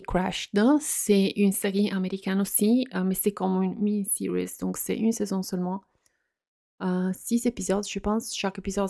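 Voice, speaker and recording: A woman hosting a soft-spoken ASMR chat, speaking hesitantly in non-native French with slips and frequent fillers. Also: mid-range voice, gravelly, no room sound, clean studio sound. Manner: hesitant, many fillers and restarts. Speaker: ASMR channel host.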